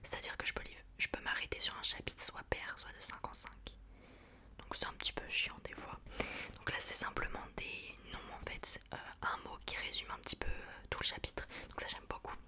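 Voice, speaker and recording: A woman speaks in a soft, breathy library whisper, chatting informally and a little hesitantly about books in an ASMR style. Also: fairly quick. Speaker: ASMR book reviewer. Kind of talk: whispered ASMR book chat.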